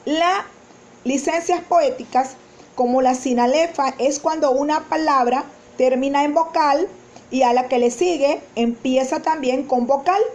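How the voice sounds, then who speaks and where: A woman with a high voice gives a spoken lesson on poetic meter. She talks slowly and patiently, breaking example verses into syllables as she explains. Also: a little mellow. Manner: slow, explanatory, syllabifies example lines aloud. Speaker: teacher.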